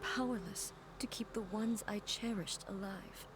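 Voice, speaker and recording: A woman's voice: mid-range voice, background noise, natural voice. An actress voicing a solemn, regal female god-ruler in a game, speaking with grave resolve. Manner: slow, measured, grave delivery. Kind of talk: game character dialogue.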